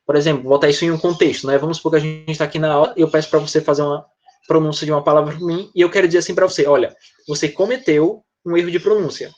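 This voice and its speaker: This male teacher speaks very fast with a fairly high, somewhat mellow voice and fairly even intonation. Teaching English in an online class, he explains words in a Brazilian Portuguese accent and keeps asking quick checks such as "né?" and "tá?", all captured in dull lo-fi audio.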